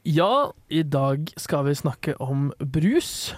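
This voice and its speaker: A man's voice: on the high side, sing-song. A young man hosting a student radio show in a studio, opening the episode and introducing his co-hosts in an upbeat way. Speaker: host of the show.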